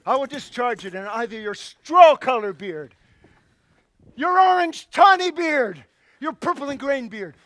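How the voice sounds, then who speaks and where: A man's voice: extremely high pitch, animated, a little slow, no room sound, full character voice. A man reading the part of a boastful weaver who wants every role, in a casual play read-through. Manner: boastful, theatrical, bursts into shouting. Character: boastful male weaver, eager amateur actor.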